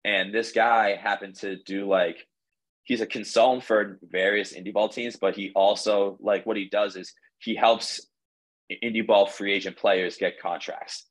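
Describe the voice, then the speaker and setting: A young man with a low, easy voice recounts his story as a podcast guest. He rambles casually, restarting sentences and leaning on "like" as he goes. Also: steady tone, measured pace, poor audio. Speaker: podcast guest, baseball pitcher.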